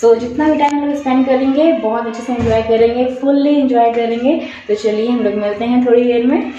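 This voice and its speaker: A woman's voice: fairly high pitch, brisk, mellow, a little hiss or hum. Chatty home vlogger, woman, casual tone; echoey, muffled home recording. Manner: chatty, mixes in English words. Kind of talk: casual vlog talk. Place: at home indoors. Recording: echoey room, dull lo-fi sound.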